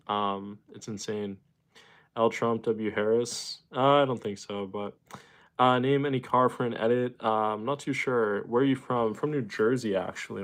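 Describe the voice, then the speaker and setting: A young man from Boston hosting a casual livestream, greeting chatters and rambling with lots of fillers. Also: lowish voice. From Boston, Massachusetts. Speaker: livestream host. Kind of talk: casual livestream chat reading viewer comments.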